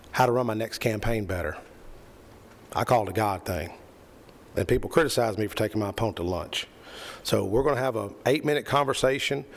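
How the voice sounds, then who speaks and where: A middle-aged man giving an earnest, rambling speech at a committee meeting, repeating phrases for emphasis. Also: fairly low pitch. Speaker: committee member. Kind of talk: impassioned speech at a public meeting. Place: county committee meeting room.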